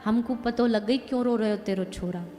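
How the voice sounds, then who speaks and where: A woman's voice: fairly high pitch, moderate pace, mellow, natural voice. A woman voicing a clever young village milkmaid with a Braj accent, giving knowing advice. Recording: long hall reverb, faint music.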